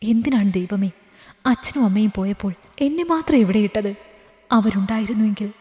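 Soft pleading young wife, read by a woman, gentle and hushed, in an echoey room with long reverb. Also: mid-range voice, expressive, moderate pace, close to an everyday voice. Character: meek young wife, worn out and suffering.

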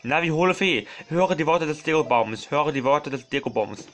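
A man voicing a solemn, dying ancient male tree spirit from a video game, reading slowly in a raised, loud voice. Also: fairly high pitch, lively intonation, voice pushed up.

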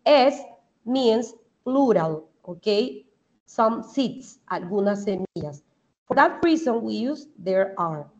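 Woman, Colombian Spanish accent, English teacher, slow careful explaining, dull lo-fi recording. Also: on the high side, expressive. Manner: patient, explains step by step and checks understanding. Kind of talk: online class explanation.

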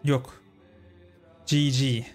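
A young man commentates his game run, chatty and talking to his viewers like friends. His voice sits at an ordinary middle pitch. Soft game music plays underneath. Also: flat delivery, extremely slow. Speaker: gaming channel host. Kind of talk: casual let's-play commentary.

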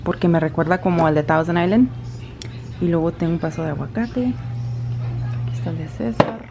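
A woman's voice: on the low side, fairly quick, gravelly, music in the background. A woman with a Mexican accent chatting casually in a rambling way as a vlogger at home. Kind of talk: casual chat.

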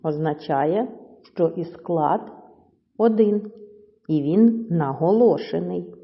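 A woman with a low voice gives a children's lesson at an unhurried pace, drawing words out syllable by syllable. Her patient voice carries a long reverb and a dull, lo-fi sound. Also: gravelly. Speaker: teacher.

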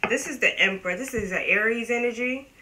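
A woman's voice: on the high side, fast talker, rough recording. A woman giving a casual tarot reading to her viewers, chatty and emphatic, swearing freely. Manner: talks to viewers as "you guys". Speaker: tarot reader. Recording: steady background noise.

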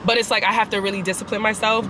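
Parked at a traffic light, a young woman vlogs from her car, with a camera on the dashboard and street noise in the background. She talks in rapid-fire bursts at a medium pitch, chatty and animated, swearing casually. Her voice is nasal after a cold.

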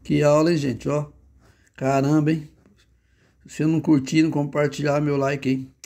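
Gravelly-voiced Brazilian man teaching drawing. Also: on the high side, level tone, moderate pace, warm tone. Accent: Brazilian Portuguese. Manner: chatty, talks to himself while drawing. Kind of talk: casual drawing lesson. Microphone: handheld phone.

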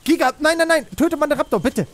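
Ein Mann, der aufgeregt ein Spiel kommentiert, in Panik ruft und fleht und viel Jugendslang benutzt. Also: male voice, extremely high pitch, quick pace. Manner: excitable, shouts and pleads in panic, youth slang. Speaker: let's play host. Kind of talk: excited gaming commentary.

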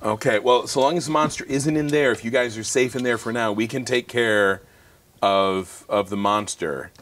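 A man's voice: medium pitch, moderate pace, fairly bright tone. A man playing a tabletop game, talking earnestly and stumbling over restarts. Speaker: player.

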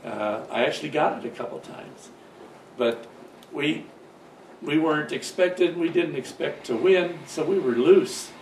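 An older man casually telling stories from his life, rambling with restarts and chuckles, and growing louder and livelier on the funny parts. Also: a little high, expressive, unhurried. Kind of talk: casual reminiscing storytelling. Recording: echoey room, distant mic, background noise.

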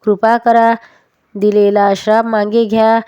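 A woman's voice: on the high side, level tone, measured pace, warm tone, smooth, dry recording, lo-fi sound, lightly acted. A woman reading as a pleading young princess. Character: young princess begging forgiveness.

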